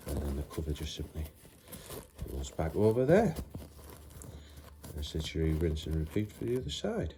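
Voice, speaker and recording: Working with his hands on an installation, a DIY tutorial presenter speaks in a very deep, dark-toned voice, pausing and hesitating in a matter-of-fact, casual way without a script. The recording carries a little hiss or hum.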